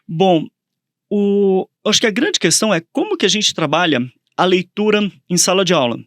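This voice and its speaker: A Portuguese teacher and podcast co-host with a high, bright voice explains literature to his co-host in casual, educational chat at normal speed. He tells classroom stories animatedly, acting out students and characters in little quoted voices. The sound is close and dry, with no room sound.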